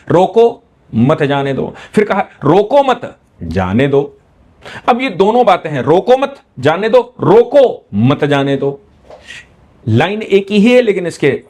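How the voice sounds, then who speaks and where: A man lectures on law to his students. His voice sits a bit high and moves a great deal. He acts out short examples, stressing and pausing to show how one line can change its meaning. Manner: animated explaining, acts out examples with changing emphasis. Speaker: law teacher. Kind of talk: lecture on a legal news topic.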